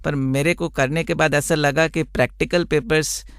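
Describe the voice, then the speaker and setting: A man's voice: on the high side, steady tone, a bit bright, smooth, no room sound. Man explaining tax advice in a dry studio. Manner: explanatory, measured, gives examples. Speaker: blind tax consultant guest. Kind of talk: radio interview answers.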